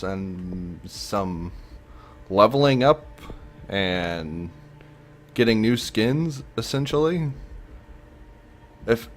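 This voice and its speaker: Guy ranting in a casual gaming vlog, kinda low voice, slow, lots of uhs and swearing. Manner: blunt, ranting, swears freely; loose, with many fillers and restarts. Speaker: gaming video commentator.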